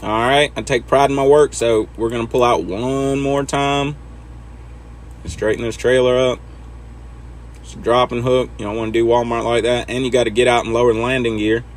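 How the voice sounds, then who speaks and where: An easygoing man narrates his own driving in a truck simulator. His voice sits at an ordinary middle pitch, relaxed and conversational. He coaches viewers step by step and talks to himself along the way. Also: moderate pace, slight background noise. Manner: laid-back, talks to himself while driving. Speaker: truck driver teaching backing. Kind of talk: casual instructional commentary over gameplay.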